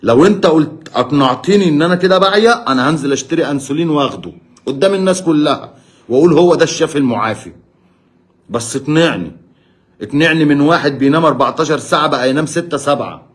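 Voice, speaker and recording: A man with an Egyptian Arabic accent, a diabetic patient filming himself on a phone, talking straight to camera and pleading with a string of rhetorical questions. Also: on the high side. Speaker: diabetic patient sharing his experience. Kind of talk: emotional direct-to-camera monologue.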